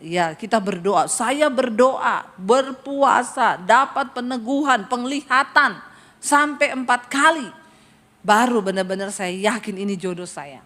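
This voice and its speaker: Middle-aged woman preacher, higher voice, comic lively delivery, acts out quotes. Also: unhurried. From Sulawesi. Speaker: pastor. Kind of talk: humorous sermon.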